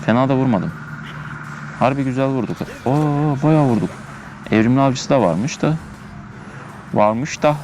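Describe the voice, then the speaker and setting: Speaking a little slowly with long pauses, a man offers casual commentary while he plays, thinking out loud and repeating himself often. His mid-range voice has lively intonation and a darkish tone, recorded outdoors in a park with slight background noise.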